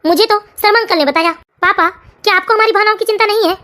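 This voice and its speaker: A woman's voice: very high voice, fast, sharp tone. A woman voicing a grown son, a caring young engineer in a cartoon family story, reassuring and lecturing. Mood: reproachful.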